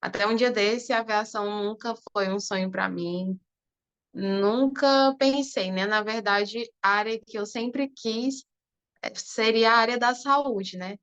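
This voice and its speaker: A woman of twenty-one from Fortaleza, speaking softly because of a sore throat as guest speaker in an online class, with many casual fillers. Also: on the high side, measured pace, smooth, dull audio. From Fortaleza, Brazil. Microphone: video call.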